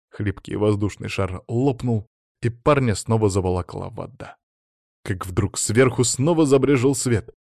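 A man reading fantasy-adventure narration in a steady, even storytelling manner. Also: lowish voice, no echo, studio quality. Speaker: audiobook narrator. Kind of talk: scripted narration.

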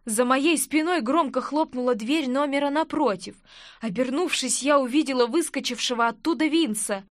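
A woman reading a first-person fantasy audiobook in a lively, expressive way. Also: sits high, moderate pace, dry recording, clean studio sound. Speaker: audiobook narrator.

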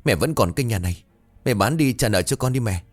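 A man's voice: medium pitch, lively intonation, fast, soft background music, voice pushed up, close to an everyday voice. A man voicing a lazy gambling son near forty who wheedles and pushes his mother. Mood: wheedling.

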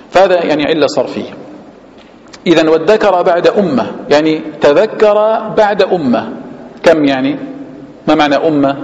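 A man's voice: on the high side, darkish tone. A man with a Levantine Arabic accent, a sheikh giving a Quran commentary lesson, explaining word by word and quizzing his listeners with rhetorical questions. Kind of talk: mosque lesson explaining scripture. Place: mosque hall. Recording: long hall reverb, dull lo-fi sound.

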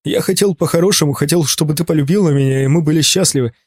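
A man voicing a cruel, obsessed young man who threatens, speaking in a lowered menacing voice for an audiobook. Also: quick pace, a little mellow, breathy edge, no room sound.

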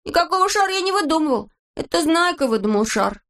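Storybook brat voiced by a woman: high, shrill, bossy and boastful little boy, squealing and indignant. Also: sing-song, fast talker, a bit bright, heavily acted. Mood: flustered.

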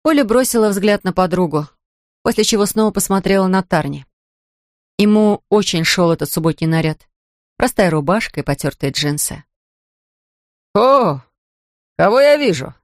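A woman reading a novel aloud as narrator, in even, measured storytelling. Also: on the low side, no room sound, clean studio sound. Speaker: audiobook narrator. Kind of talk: scripted narration.

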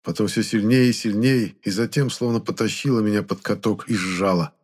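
A man reading a first-person story as an audiobook narrator, with steady storytelling. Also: on the low side, brisk, slightly rough.

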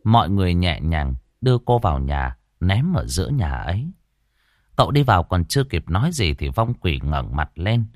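A man narrating a folk horror story in a lively, colloquial and earthy way. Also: sits low, dry recording, studio quality.

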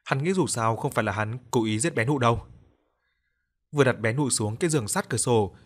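A man hosting and reading a ghost story aloud in a calm, steady narration. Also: medium pitch, a little fast. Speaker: storyteller and channel host.

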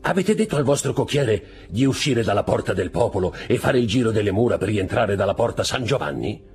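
A man's voice: on the low side, expressive, brisk, darkish tone, slightly rough, soft background music, voice pushed up, heavily acted. A man voicing an obsequious Roman innkeeper in an audiobook reading, deferential and warning.

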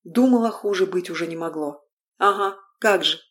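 Here a woman with a fairly low pitch reads aloud from a first-person fantasy novel. As narrator she sounds playful and wry, often turning briefly to address the listener.

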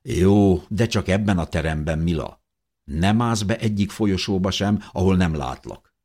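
A man's voice: low voice, darkish tone, pitched above the performer's own voice. A man voicing a firm, protective mother. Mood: stern. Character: grown woman, caring but firm mother.

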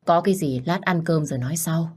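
A woman voicing a calm older father-in-law who soothes his wife gently. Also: low-pitched, brisk. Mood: soothing.

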